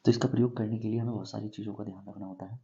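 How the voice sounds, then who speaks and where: A man teaching English grammar in a classroom-style lesson, going slowly and asking himself questions before he answers them. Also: lowish voice, fairly even intonation, dark tone, highs cut off. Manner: slow, repeats and quizzes himself with questions.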